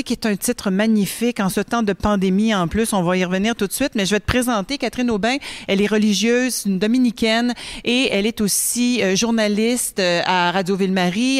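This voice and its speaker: A woman's voice: mid-range voice, clean tone, no room sound. A woman hosting an interview, introducing her guests in a chatty, welcoming manner at a book fair. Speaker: interview host.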